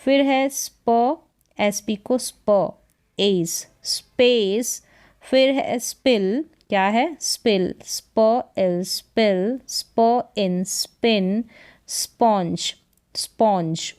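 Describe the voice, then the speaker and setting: A woman leads a phonics lesson at a very slow, deliberate pace. She breaks each word into its sounds, poses a question and answers it herself. Her voice is smooth and clear, with a mid pitch. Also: a little mellow. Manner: sounds words out syllable by syllable, asks and answers herself. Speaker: English reading teacher.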